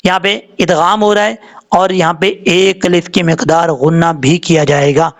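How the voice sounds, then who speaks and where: A man's voice: fairly high pitch, fairly even intonation, normal speed. A man teaching Quran recitation rules, patiently explaining letters and vowels step by step. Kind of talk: tajweed lesson, spelling out letters and vowels.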